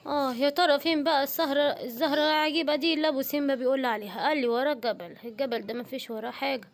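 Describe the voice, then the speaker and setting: A woman with an Egyptian accent voicing a male guard lion who mutters to himself in a lowered voice, for a homemade cartoon. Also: very fast. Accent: Egyptian Arabic.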